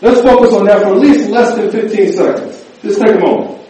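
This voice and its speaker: A man's voice: high voice, brisk, dark tone. A man preaching a sermon, joking with the congregation and often asking them to answer "amen" and "right". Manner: call-and-response, often asks "amen?" and "right?". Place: church. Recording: echoey church hall, mic at a distance.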